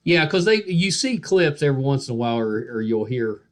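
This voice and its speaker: A man's voice: medium pitch, very animated, brisk. A man hosting a podcast interview, effusive and full of praise, with lots of "yeah.". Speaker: podcast host. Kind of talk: casual interview chat.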